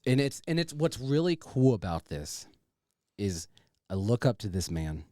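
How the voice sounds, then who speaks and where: A man with a fairly low voice co-hosts a podcast in loose, casual chat. He is effusive and repeats phrases for emphasis, and the sound is close and dry. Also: sing-song, measured pace, dark tone, dry recording. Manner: effusive, repetitive, informal with swearing. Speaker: podcast co-host.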